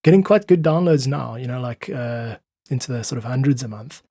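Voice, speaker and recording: Talking a little fast in a dark-toned, mid-range voice, this South African podcast guest, an independent musician, lays out his ideas earnestly and articulately. He leans on analogies, and the studio-quality recording has no echo.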